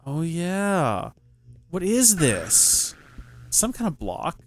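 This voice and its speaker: A young man hosting a Minecraft let's play, thinking aloud and asking question after question in amazed, animated commentary. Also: a little high, very slow, slight background noise. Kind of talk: excited gameplay commentary.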